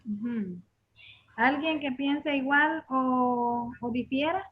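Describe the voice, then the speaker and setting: In a muffled, lo-fi recording, a woman with a high, husky voice teaches an English grammar lesson at a slow pace. She explains patiently and repeats questions to her students.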